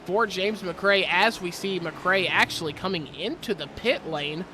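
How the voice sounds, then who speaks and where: A man calls a virtual race live from his home desk, his voice high and forceful. He keeps apologizing and correcting himself as he goes. A faint hum of noise sits underneath. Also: a little slow. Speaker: sim racing play-by-play commentator. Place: home, helicopters overhead.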